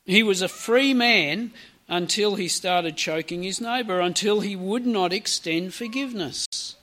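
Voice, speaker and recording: Man, high voice, preacher, sermon, storytelling, conversational asides. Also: unhurried, pushed and bright.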